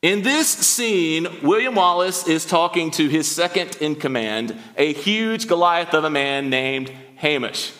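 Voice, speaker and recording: Bright-voiced preacher in a reverberant church. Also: male voice, on the high side, animated, unhurried, few pauses. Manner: joking, conversational preaching with the crowd. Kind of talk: sermon. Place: church sanctuary. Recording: long hall reverb.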